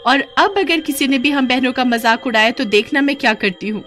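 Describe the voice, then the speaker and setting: A woman's voice: high-pitched, normal speed, faint music behind, voice pushed up, close to an everyday voice. A woman voicing two young schoolgirl sisters, hurt but brave, who speak earnestly and plead. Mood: defiant.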